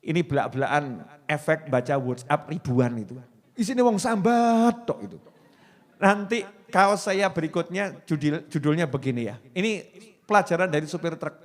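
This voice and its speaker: A man with a Javanese accent giving a casual, joking sermon, telling lively stories to his audience. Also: fairly high pitch, normal speed. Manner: playful, joking, lively storytelling. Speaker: preacher.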